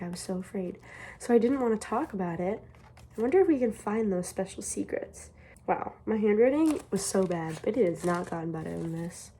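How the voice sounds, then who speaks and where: Young woman, higher-pitched with a husky edge, casual diary read-aloud with amused, embarrassed asides. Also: dark tone. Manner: amused, self-mocking embarrassment. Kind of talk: casual reading aloud from own childhood diary with commentary.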